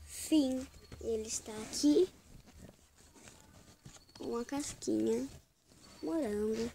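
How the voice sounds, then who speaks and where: A woman reading a picture book aloud as if to a toddler, with simple child-directed phrasing, playful emphasis and some halting words. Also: fairly high pitch, vocal fry, warm tone, slight background noise. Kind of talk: storybook read-aloud, as if to a toddler.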